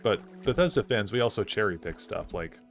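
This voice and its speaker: A man's voice: lowish voice, lively intonation, fairly quick, soft background music. A young man streaming a game live, chatting casually and thinking aloud with lots of "like" fillers as he answers chat. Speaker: gaming streamer.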